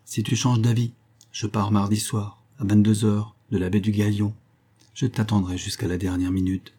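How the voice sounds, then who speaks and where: A man's voice: on the low side, flat delivery, normal speed, warm tone, husky. A man voicing a determined woman in an audiobook, speaking with urgent, insistent pleading.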